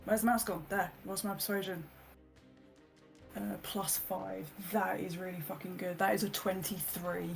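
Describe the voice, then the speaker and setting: A woman with a mid-range voice takes her turn in a tabletop role-playing game. She talks in casual game chat, with music clearly playing behind her. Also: mid-range voice, level tone, moderate pace.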